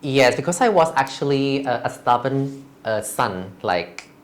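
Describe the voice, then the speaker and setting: Slow, halting woman from Thailand. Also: rumbling low, expressive. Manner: hesitant, halting, frequent restarts. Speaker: interview guest. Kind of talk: candid personal interview.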